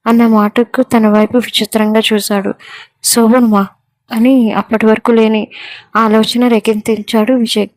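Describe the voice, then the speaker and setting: A woman narrating an emotional family story with a steady reading manner. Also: a little high, normal speed, no room sound.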